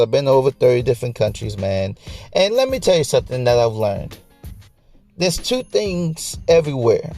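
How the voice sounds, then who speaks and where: This podcast host, a man in his late twenties, has a mid-range, darkish voice with vocal fry. His motivational show is casual; he addresses listeners in a colloquial, conversational way and leans on repeated phrases for emphasis.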